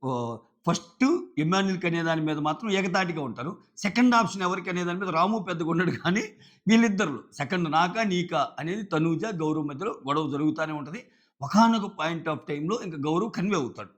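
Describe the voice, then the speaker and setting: A man giving a casual, animated recap and acting out what others said. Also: fairly high pitch, a little fast. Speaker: show commentator. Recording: dull lo-fi sound.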